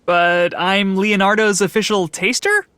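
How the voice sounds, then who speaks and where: An actress playing a quirky, quick-witted young heroine in a video game, with a wry, cheeky manner. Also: female voice, medium pitch, a bit bright, no room sound, close to an everyday voice. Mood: cheeky, earnest. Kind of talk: video game character acting.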